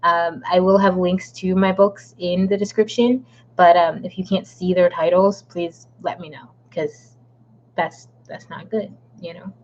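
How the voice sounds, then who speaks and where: A woman's voice: fairly low pitch, fairly even intonation, measured pace, darkish tone, dull audio, a little hiss or hum. A woman author chatting casually and playfully at her desk during a live writing stream, rambling a little and slipping into a put-on accent she jokes about. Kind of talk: casual livestream chat. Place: home desk.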